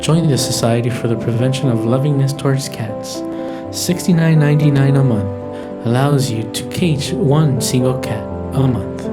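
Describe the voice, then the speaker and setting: A man voicing a smug, salesy announcer in a mock radio ad, with a deadpan pitchman delivery. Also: moderate pace, close to an everyday voice. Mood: mock-serious. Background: loud guitar music.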